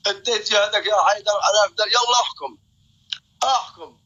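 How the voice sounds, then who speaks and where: A man's voice: high voice, fairly even intonation, fairly quick, pushed and bright, breathy edge, lo-fi sound. A young man hosting a live stream. He jokes, boasts and keeps calling out to his viewers.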